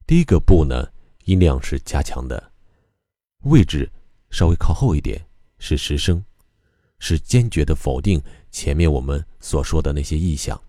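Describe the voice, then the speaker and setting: A man teaching how to recite a poem, explaining calmly and methodically with frequent pauses. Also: rumbling low, dry recording, clean studio sound. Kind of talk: explanatory lesson on reading poetry aloud.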